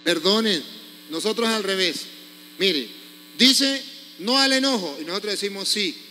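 A man's voice: high-pitched, expressive, measured pace, sharp tone, in a large hall, a little hiss or hum. A priest preaching a sermon, scolding his congregation with pointed rhetorical questions.

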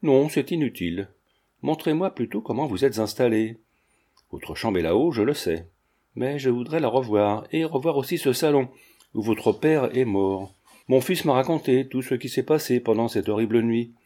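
A man's voice: mid-range voice, animated, normal speed, mellow, close to an everyday voice. A man reading as a proud, resolute young woman. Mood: reserved.

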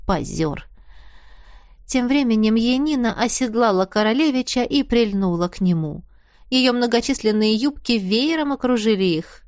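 Woman narrator, first-person storybook, expressive, higher voice, dry close sound. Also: moderate pace, dry recording. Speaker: audiobook narrator.

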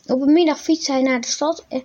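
A woman reading a children's story aloud in a calm, gentle way, with small slips. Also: high-pitched, fairly quick. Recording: dull, lo-fi recording.

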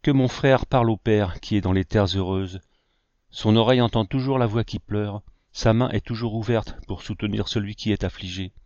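A man voicing a calm, grave male scout with a soft, harmonious voice, speaking solemnly in a storybook reading. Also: fairly low pitch, dry recording, dull audio, natural voice. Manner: solemn, measured speech.

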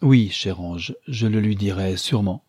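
A man with a low, husky voice playing an ardent, tender young gentleman in an audiobook. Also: moderate pace, dry recording, studio quality.

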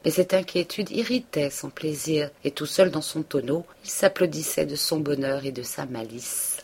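A woman reading a classic novel aloud as narrator, with measured, steady delivery. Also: low voice, slightly rough. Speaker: audiobook reader.

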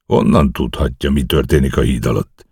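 A man's voice: very deep voice, steady tone, a little mellow, breathy edge, dry recording, clean studio sound, full character voice. A man reading the lines of a commanding officer who asks short, pointed questions. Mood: questioning. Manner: terse, questioning.

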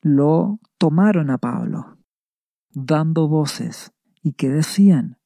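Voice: medium pitch, animated, takes it slowly, creaky, dark tone, no room sound, studio quality. A preacher giving a sermon, retelling a scripture passage and asking rhetorical questions before answering them. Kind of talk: radio sermon reading scripture.

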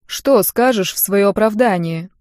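A woman voicing a stern, cynical man of a dark order who speaks in a cold, formal verdict tone. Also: medium pitch, measured pace, dry recording, studio quality, close to an everyday voice.

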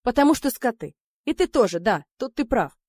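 A woman's voice: fairly high pitch, very animated, a little fast, no echo, voice pushed up. A woman voicing a brash, crude, jeering man. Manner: loud, jeering, swearing. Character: brash crude foul-mouthed man, pushy and mocking.

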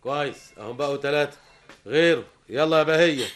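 رجل يؤدي آمر مصري متسرع نافد الصبر. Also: male voice, a little high, fast, over loud music, lightly acted. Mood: impatient. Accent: Egyptian Arabic. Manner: brusque, impatient orders. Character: bossy man running a theft test. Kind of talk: vintage radio drama acting.

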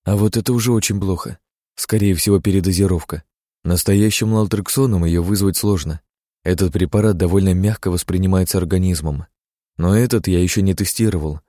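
Dark-voiced male audiobook narrator. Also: sits low, brisk, dry recording, clean studio sound. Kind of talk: first-person scripted narration.

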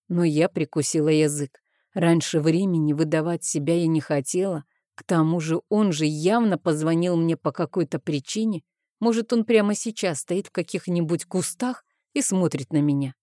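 A woman narrates a first-person novel in a low, dark voice. Her reading is expressive and dramatic, and the sound is close and dry with no room around it. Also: no room sound. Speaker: audiobook narrator.

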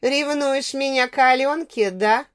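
A woman's voice: high voice, unhurried, pitched above the performer's own voice. A woman voicing a drunk, aggressive young man who taunts his ex-girlfriend, in an audiobook. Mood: taunting. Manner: taunting, sneering.

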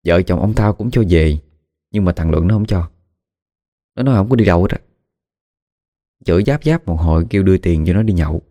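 A man tells a ghost story in a casual, colloquial way. His voice is very low and mellow, and he breaks into dramatic exclamations as he speaks. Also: lively intonation, a little fast, pauses often. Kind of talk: spoken ghost story narration.

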